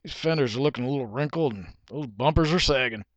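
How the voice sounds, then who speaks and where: A man's voice: mid-range voice, quick pace, dry recording, dull audio, natural voice. A man playing a blunt, picky car buyer. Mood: disgusted. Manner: blunt, easily disgusted.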